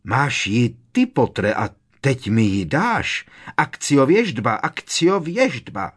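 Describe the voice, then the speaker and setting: A man voicing a fanatical, shrill dark witch who taunts and threatens. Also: wildly swooping pitch, breathy edge, exaggerated voice. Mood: frantic.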